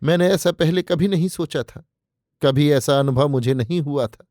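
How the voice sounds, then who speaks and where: A man's voice: fairly high pitch, moderate pace, darkish tone, no room sound, studio quality, close to an everyday voice. A male narrator voicing a scheming young man who confesses devotion in flowery, pleading words, read as an audiobook character. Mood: adoring.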